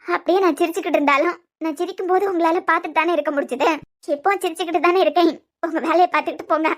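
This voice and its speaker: Woman doing a hurt young wife in a cartoon, super high voice, quiet and pleading. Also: fairly even intonation, very fast. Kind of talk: cartoon voice acting.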